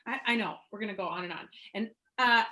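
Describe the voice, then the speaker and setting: A woman leading a casual team call, chatty and excitable, rambling from one story to the next. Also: mid-range voice, fast, rough recording. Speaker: team leader.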